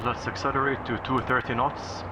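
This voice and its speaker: A man's voice: medium pitch, normal speed. A man playing pilot in a flight simulator, making clipped, procedural cockpit callouts as if over a pilot headset. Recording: steady engine noise behind.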